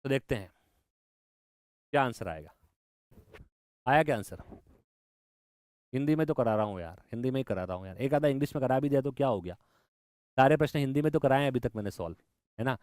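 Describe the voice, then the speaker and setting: Enthusiastic male reasoning teacher, crisp voice. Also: mid-range voice, animated, brisk, pauses often, a little mellow, no room sound, clean studio sound. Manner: enthusiastic, talks to students directly, mixes in English terms. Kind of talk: online exam-prep lecture.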